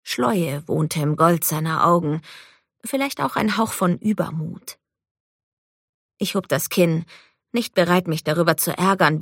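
A woman narrating a fantasy novel in the first person with a measured storytelling delivery. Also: lowish voice, gravelly, dry recording, clean studio sound. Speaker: audiobook narrator.

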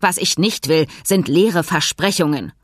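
A woman reading an audiobook, voicing a loud, choleric, heavyset male horse owner who blusters and growls. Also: fairly low pitch, a little slow, dry recording, clean studio sound. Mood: menacing. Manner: explosive shouting, then dangerously calm.

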